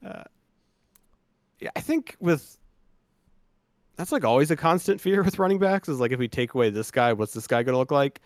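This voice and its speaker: A man talks football on a podcast in an easygoing, unpolished way, often trailing off and starting over. His voice sits at a middle pitch and sounds dry and close to the mic, with no room sound around it. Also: normal speed, pauses often, dry recording. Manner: loose, swearing, trailing restarts. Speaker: podcast co-host. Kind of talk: casual sports chat.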